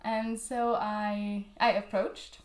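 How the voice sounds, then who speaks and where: Recorded roughly in a roomy-sounding space, a journal founder from Austria talks as an interview guest at a slow pace, her medium-pitched voice level in tone. German is her first language, and the young woman laughs a lot, filling her speech with fillers and restarts in this conversational interview.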